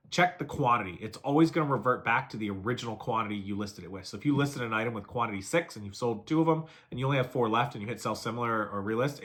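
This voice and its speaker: A man giving brisk step-by-step selling advice in a casual video, listing steps and repeating them. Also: medium pitch, a bit bright. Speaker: reseller giving selling tips. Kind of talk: fast casual how-to talk to camera.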